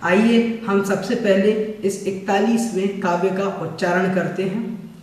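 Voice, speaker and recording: High-voiced guy teaching slowly, far from the mic in a really echoey room. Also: steady tone. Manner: slow, patient explaining, repeats words for pronunciation. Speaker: religious teacher. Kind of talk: online scripture class.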